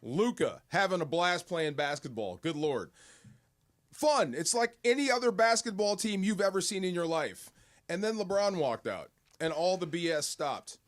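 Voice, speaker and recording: A man with a moderately high voice co-hosting sports radio from a studio. He chats casually and tends toward clipped, punchy phrases. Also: animated, normal speed. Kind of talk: casual chat.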